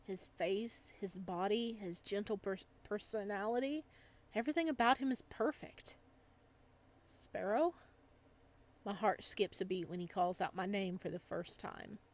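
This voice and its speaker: A woman chats casually and reads lines aloud while hosting a visual novel playthrough. She sounds animated, with a mid-range voice and a slightly slow delivery.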